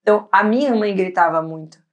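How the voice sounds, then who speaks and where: A woman in her thirties, a pediatrician guest on an interview show, talking loudly and animatedly in casual chat. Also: medium pitch, lo-fi sound. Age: 30s. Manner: loud, animated, talks fast and laughs easily.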